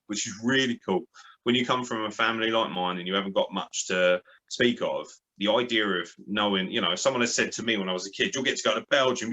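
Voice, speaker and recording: A man's voice: on the low side, sharp tone, rough recording. A man telling football stories in a blunt, sweary, passionate way, as an interview guest. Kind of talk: casual storytelling interview.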